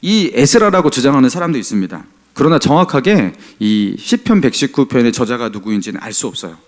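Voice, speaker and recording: Animated, chatty male pastor preaching. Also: brisk. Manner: conversational preaching, often asking the congregation "그죠?"; swings between emphatic raised lines and soft, low asides. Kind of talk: sermon.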